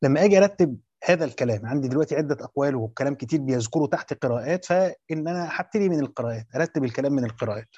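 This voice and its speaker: A man's voice: medium pitch, expressive, racing, few pauses, warm tone, slightly rough, dry recording. A man with an Egyptian accent teaching a lesson on Quranic commentary, explaining step by step, repeating phrases and quizzing his students. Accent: Egyptian Arabic. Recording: muffled, dry lo-fi recording.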